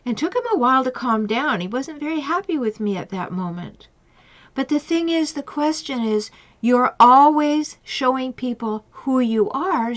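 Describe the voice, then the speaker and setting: A woman's voice: high-pitched, dull audio. A middle-aged woman coach giving advice in an earnest, emphatic way, repeating questions for effect. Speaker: relationship coach. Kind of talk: advice talk with retold conversations.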